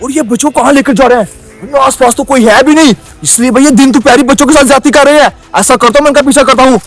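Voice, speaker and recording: A man's voice: very high voice, fast. A man playing an alarmed villager who spots ghosts carrying off children and chases after them, exclaiming in a comic skit. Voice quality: excited, exclaiming.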